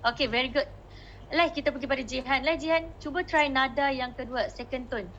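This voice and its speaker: Woman, Malaysian Malay accent, Mandarin teacher, high-pitched, coaxing, faint background noise. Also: fairly quick, a bit bright, highs cut off. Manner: code-switching, coaxing students, modeling tones. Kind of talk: online class teaching.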